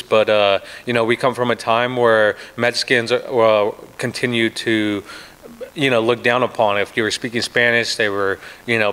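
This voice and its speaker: A man with a mid-range voice, pushed and bright yet smooth, comes through on a low-quality recording. He's an American pro fighter fielding reporters' questions at a press day, confident and trash-talking, constantly restarting sentences and leaning on "you know."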